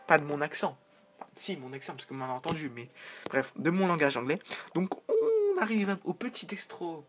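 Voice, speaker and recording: A man's voice: fairly high pitch, fairly bright tone, a little hiss or hum. A man giving casual, joking commentary over a video game, rambling into side remarks. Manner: chatty, joking, rambling asides.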